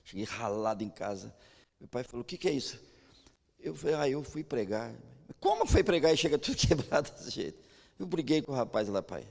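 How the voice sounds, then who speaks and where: Gravelly Brazilian pastor in a church hall. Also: male voice, medium pitch, fairly quick. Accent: Brazilian Portuguese. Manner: storytelling, animated, frequent stammered restarts. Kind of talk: sermon with personal stories.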